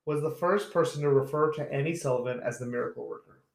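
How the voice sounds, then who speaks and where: A man's voice: on the high side, fast, vocal fry, roomy sound. A man co-hosting a casual podcast chat, reading out film trivia and laughing often. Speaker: podcast co-host.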